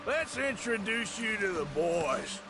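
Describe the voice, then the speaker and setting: An actor playing a threatening, dryly mocking Old West outlaw with an American Western drawl in a video game. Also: male voice, sits high, very animated, takes it slowly, background noise, heavily acted. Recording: loud music behind the voice.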